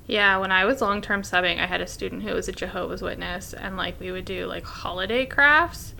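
A woman co-hosting a podcast, a teacher chatting casually, animated and laughing often as she acts out what she said. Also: mid-range voice, fairly quick, vocal fry, a little hiss or hum. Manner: animated, laughs often, acts out her own past remarks. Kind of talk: casual chat.

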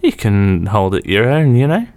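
A man's voice: lowish voice, sing-song, normal speed, a little mellow. A British man co-hosting a casual chat in a dry, laid-back manner. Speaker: podcast co-host.

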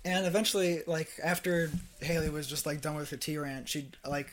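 A man's voice: fairly high pitch, fairly even intonation, a little fast, a bit bright, a little hiss or hum. A young man hosting a casual podcast chat, rambling with fillers and laughing often. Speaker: podcast host.

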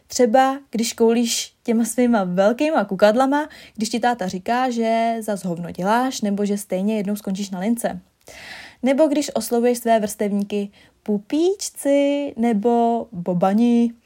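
A young woman performing a spoken-word monologue addressed to herself, expressive and shifting between hushed and emphatic delivery. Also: on the high side.

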